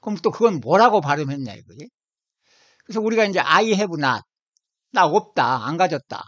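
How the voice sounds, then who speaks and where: With a fairly high, slightly rough and fairly bright voice, the man from Seoul, South Korea, keeps his intonation lively and his speed normal. In his informal video lecture on language origins he is emphatic, repeating and stretching single words, all on dull lo-fi audio.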